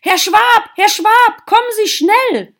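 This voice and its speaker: A woman voicing a cheeky, lively young girl who loves her garden, talking eagerly and excitedly. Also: mid-range voice, measured pace.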